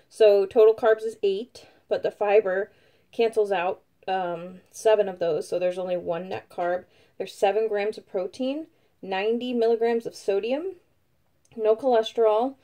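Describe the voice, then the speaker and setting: Mellow-voiced woman chatting through a review. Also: mid-range voice. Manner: chatty, rambling, many fillers; talks while eating. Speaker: vlogger reviewing food. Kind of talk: casual product review vlog.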